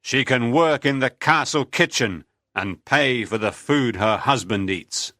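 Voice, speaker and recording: A man's voice: mid-range voice, lively intonation, a little slow, sharp tone, dry recording, clean studio sound. A man voicing a cruel, greedy medieval lord in a storybook reading, speaking in a harsh, commanding way.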